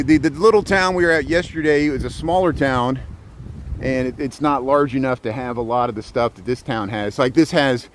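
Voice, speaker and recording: A man's voice: medium pitch, a little hiss or hum. A middle-aged man from Southeast Indiana livestreams as he walks a small-town main street outdoors, talking casually with many fillers and restarts. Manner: rambling, lots of fillers and restarts. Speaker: live streamer.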